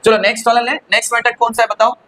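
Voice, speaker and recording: A man's voice: extremely high pitch, flat delivery, rapid-fire, pushed and bright, poor audio. A male physics teacher giving a classroom lecture, constantly asking the students questions and answering them himself, with English terms mixed into his explanation.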